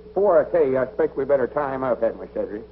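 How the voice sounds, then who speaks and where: A man's voice: medium pitch, lively intonation, rapid-fire, lightly acted. Man doing a boastful old country schemer, folksy drawl, voice bounces up and down, tinny hissy film sound. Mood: scheming.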